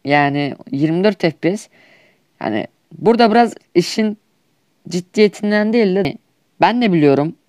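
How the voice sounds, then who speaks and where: A man's voice: high voice, lively intonation, moderate pace, darkish tone, no room sound, studio quality. A young man with a Turkish accent, trash-talking over mobile shooter gameplay in a whiny, exasperated comedic skit. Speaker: gaming YouTuber.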